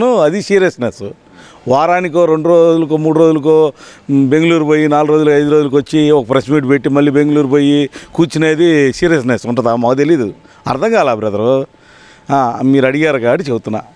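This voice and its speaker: A man's voice: on the high side, darkish tone, smooth, no room sound. A man from the public, giving heated, sarcastic answers full of rhetorical questions in a political street interview. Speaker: member of the public giving his opinion.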